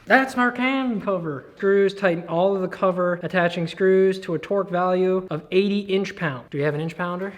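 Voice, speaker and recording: A man's voice: sits high, moderate pace, few pauses, muffled recording. A man co-hosting a casual workshop vlog, joking and laughing often as he works on an engine. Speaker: channel co-host.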